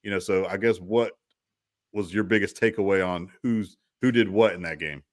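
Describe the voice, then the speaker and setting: A man's voice: low voice, normal speed, dry recording, studio quality. A man co-hosting a casual college football talk show, rambling with frequent restarts and asides. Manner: rambling, restarts, lots of "you know". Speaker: co-host.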